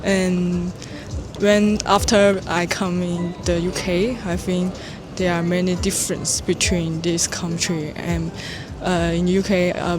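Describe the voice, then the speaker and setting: A man from China with a Chinese accent, answering street interview questions in English, hesitant and searching for words with many fillers. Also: high voice. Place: outdoors on a city street.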